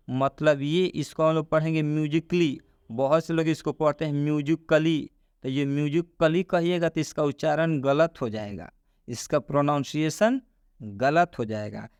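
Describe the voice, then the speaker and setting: Guy teaching a lesson, kinda high voice, smooth and clear, dry sound. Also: a little mellow, no room sound. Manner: slow, repetitive, asks the listener questions. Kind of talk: explanatory classroom lesson.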